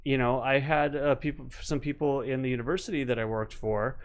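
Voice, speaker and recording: A middle-aged man hosts a relaxed live-stream chat. He talks in an easygoing way and works through his points at length. His voice is plain and conversational. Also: mid-range voice, fairly quick, smooth. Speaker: host.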